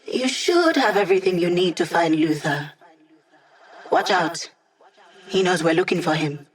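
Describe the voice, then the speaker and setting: A woman's voice: fairly low pitch, measured pace, lightly acted. An actress playing an upbeat, wry female hacker who gives a squad mission support in a video game, with playful, teasing, casual delivery. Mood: brisk, focused.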